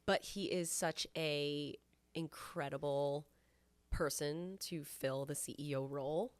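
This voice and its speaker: A woman's voice: deep voice, takes it slowly, dry recording. A woman in her thirties co-hosting a podcast, talking casually and laughing often. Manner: animated and laughing, fiddling with the recording settings. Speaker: podcast co-host, company founder. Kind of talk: casual chat.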